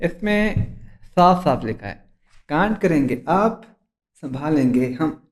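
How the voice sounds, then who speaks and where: A boastful, bumbling lawyer played by a man, pleased with himself and tripping over his English. His voice sits a little high for a man, and he drags out his English phrases slowly. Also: lively intonation. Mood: smug. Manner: slow, stumbling, self-satisfied English phrases. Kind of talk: comedy sketch.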